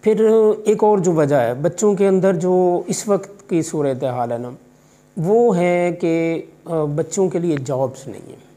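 In an office interview filmed by a distant camera, a Pakistani vice principal of a college, in his 50s, speaks with a Pakistani Urdu accent in a measured, fatherly tone. He uses religious phrasing and hesitant fillers, and his voice is fairly high with a dark tone.

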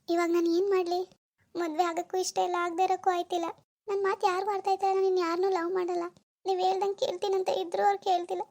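Woman doing a gloomy young village woman. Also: extremely high pitch. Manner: soft, gloomy muttering to herself. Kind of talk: cartoon voice acting.

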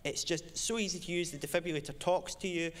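A man's voice: on the high side, steady tone, fast. A young man who has won an award, answering questions on stage in a passionate, eager way. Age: young adult. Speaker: award winner. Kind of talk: on-stage interview.

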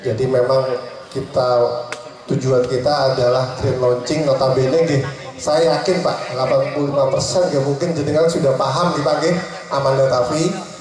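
A man's voice: fairly even intonation, normal speed, darkish tone. A young man addressing farmers at an outdoor launch, chatty and constantly calling to the audience. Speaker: seed company speaker. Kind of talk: public speech at a farm product launch. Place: outdoor tent event in a village. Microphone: handheld mic through loudspeakers, filmed from afar. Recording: booming PA echo, distant, crowd around.

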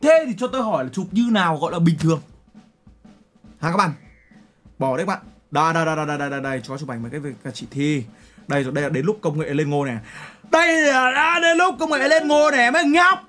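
A man's voice: fairly high pitch, rapid-fire, long pauses, soft background music. A young man streaming, chatting casually with viewers in a brash, joking way full of crude slang while he reacts to photos and clips.

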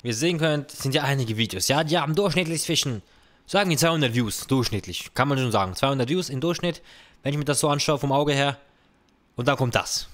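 A man's voice: on the high side, fairly bright tone. A young man, reacting casually to comments on his own video, dropping slang and English phrases. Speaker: content creator.

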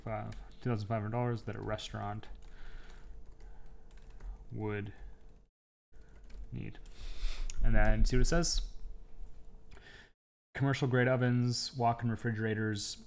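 A young Canadian man with a Canadian accent, giving an upbeat tutorial to camera as an e-commerce educator. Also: lowish voice. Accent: Canadian English. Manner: upbeat, clear explainer with casual fillers. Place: dim indoor studio.

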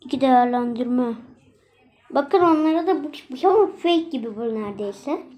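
A woman's voice: high-pitched, expressive, normal speed, dark tone. A young woman chatting casually and exclaiming as she plays a mobile game for her channel. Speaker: gaming channel host.

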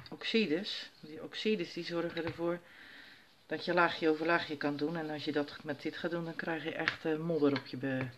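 A woman with a low voice, heard over background noise, chats her way through a casual stamping tutorial at home. Her children are asleep as she demonstrates, narrating each step while she works.

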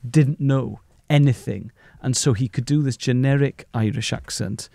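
A man with a gravelly, mid-pitched voice banters on a comedy radio podcast, self-deprecating and quick to defend himself. His voice sits close to the mic, dry and with no room echo. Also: mellow. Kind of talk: casual comedic chat.

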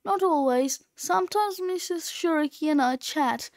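A woman reading aloud, voicing a gruff middle-aged male gym coach who barks deadpan orders. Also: very high voice, measured pace.

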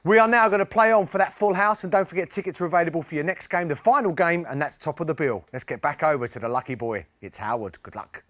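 Man, middle-aged, upbeat game show host, high-pitched voice, studio presenting. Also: fast, hardly any pauses, a bit bright.

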